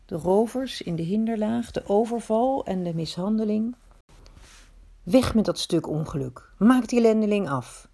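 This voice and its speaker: A woman's voice: on the low side, gravelly, warm tone, husky. A woman telling a story in the first person, in a reflective, confiding way that often asks itself questions.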